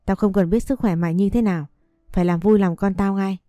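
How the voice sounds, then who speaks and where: A woman's voice: medium pitch, fairly even intonation, a little fast, dark tone, dry recording, clean studio sound, faint music behind, close to an everyday voice. A woman doing a cruel, harsh older mistress.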